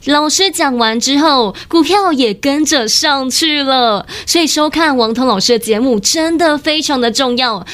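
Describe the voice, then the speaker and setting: High-pitched Taiwanese infomercial pitchwoman. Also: a bit bright. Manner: gushing, emphatic, repetitive salesmanship. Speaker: TV show host and pitchwoman.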